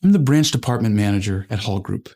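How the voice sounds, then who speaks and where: A man's voice: on the low side, expressive, fast, dark tone. Man playing an arrogant bullying manager. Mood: threatening. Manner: arrogant, threatening. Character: arrogant young corporate manager, bullying cousin.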